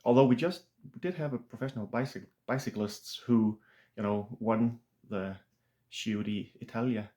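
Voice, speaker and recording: A man with a Danish accent, an author talking casually to camera in a halting way, with many restarts and a flat, throaty delivery. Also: medium pitch. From Denmark. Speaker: author and channel host. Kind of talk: casual unscripted monologue.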